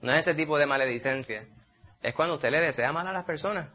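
A man preaching a sermon, animated, asking rhetorical questions and calling his listeners brother. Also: on the high side, fast talker. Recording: dull lo-fi recording.

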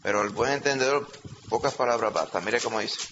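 In a reverberant hall, with slightly dull sound and a faint hum in the background, a male pastor teaches his sermon emphatically, frequently checking with the congregation. His voice is mid-range and fairly bright, and he talks a little fast.

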